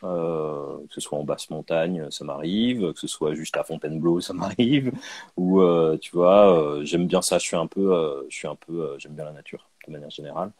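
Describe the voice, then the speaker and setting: A man born in Canada, answering interview questions about his comic art in a hesitant, relaxed way, with many fillers and restarts. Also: very deep voice, moderate pace, breathy edge, dry recording. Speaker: guest comic artist.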